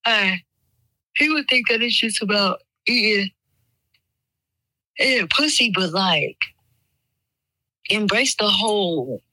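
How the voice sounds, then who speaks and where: A woman with a raspy voice talking candidly in a casual chat as a guest. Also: mid-range voice, animated, slow pace, pauses often, bright, forceful tone, no echo, low-quality recording.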